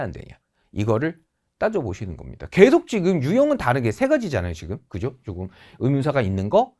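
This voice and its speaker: Animated Korean woman English teacher. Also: low voice. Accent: Korean, with English example phrases. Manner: animated, acts out quoted dialogue in exaggerated tones. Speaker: TOEIC English instructor. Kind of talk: lively lecture.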